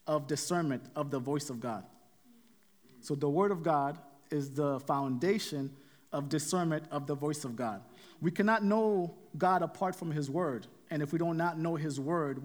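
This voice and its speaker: A man preaching a sermon in a conversational, halting manner, often repeating phrases and adding fillers as he reads scripture. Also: on the high side, a little mellow, long reverb tail.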